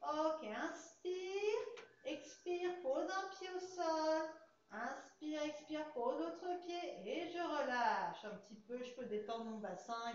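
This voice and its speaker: A young English-accented woman teaches a guided Pilates class, calmly counting breaths as she demonstrates the moves. Her voice sits high. A distant camera records her in a large indoor fitness studio with a hard floor, so the sound is echoey and dull with a faint hiss.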